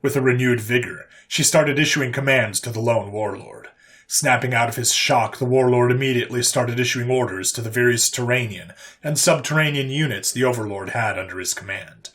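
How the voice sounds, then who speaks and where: A man reading aloud a science fiction war story for an online audience. His pitch sits in an ordinary middle range. The delivery is steady and even, paced like a careful narration. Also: fairly quick. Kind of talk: scripted sci-fi story narration.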